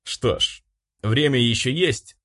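A man narrating a fantasy audiobook in the first person with expressive storytelling. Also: medium pitch, slow.

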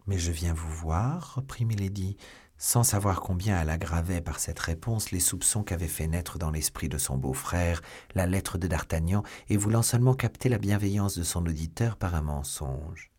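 A man narrating a classic novel as an audiobook, reading in a steady, literary manner. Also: low-pitched, moderate pace, breathy edge. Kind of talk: scripted narration.

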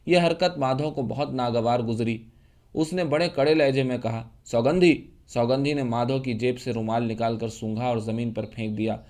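A man narrates a literary short story at a mid pitch. His delivery is measured and steady, in plain storytelling style.

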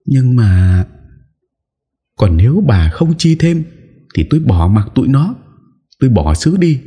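A man's voice: medium pitch, very animated, unhurried, mellow, husky, pitched above the performer's own voice. A man voicing a shady middle-aged female gangster who stammers and pleads in an audiobook. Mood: bargaining. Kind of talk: audiobook character voice.

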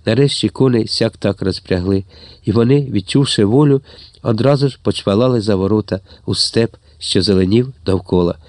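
Steady male audiobook narrator, dry sound. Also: lowish voice, normal speed, no echo. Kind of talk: scripted narration.

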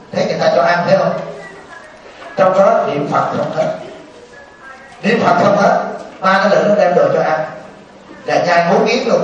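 A man's voice: sits high, slight background noise. A man, a Buddhist monk, preaching to a live assembly, telling stories and asking the audience questions. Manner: storytelling, asks the audience questions. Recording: echoey hall, distant mic.

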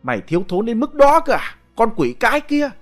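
A man reading a ghost story aloud, voicing a coarse, jealous middle-aged man who shouts insults. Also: extremely high pitch, huge pitch swings, fairly quick, faint music behind, voice pushed up, heavily acted. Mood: raging.

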